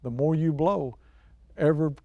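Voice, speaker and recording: A middle-aged or older man, a guest expert and outdoors show personality, spins hunting stories in a casual, folksy, plain-spoken way. His voice sits a little high and moves at a measured pace. The recording is dry, with phone-quality sound.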